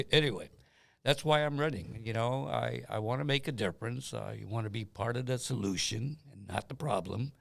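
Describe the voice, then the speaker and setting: A man's voice: medium pitch, normal speed, creaky, dry recording. An older man from Guam, a political candidate, talking in a jovial, chatty way and telling little stories in a casual interview. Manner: jovial, chatty, tells anecdotes with quoted dialogue.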